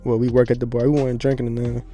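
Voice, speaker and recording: Laid-back man, mellow voice. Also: medium pitch, little pitch movement, racing. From Pensacola, Florida. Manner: laid-back, slangy, rambling storyteller. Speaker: podcast guest. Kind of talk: casual podcast chat.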